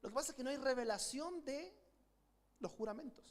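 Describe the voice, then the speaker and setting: Fairly quick and animated, this middle-aged pastor speaks in an extremely high pitch with a Chilean Spanish accent. Preaching with passion in the church sanctuary, he has the congregation echo him.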